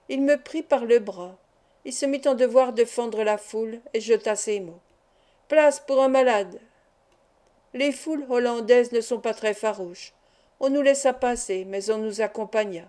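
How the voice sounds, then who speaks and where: Mellow woman reading a fantastic tale. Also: fairly high pitch. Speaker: audiobook reader. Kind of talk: scripted narration of a fantastic tale.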